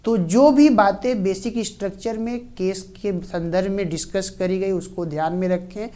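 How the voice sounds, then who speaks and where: A woman teacher giving a classroom lecture, repeating points and often pausing on fillers. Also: mid-range voice, warm tone. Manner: slow, repetitive, frequent fillers.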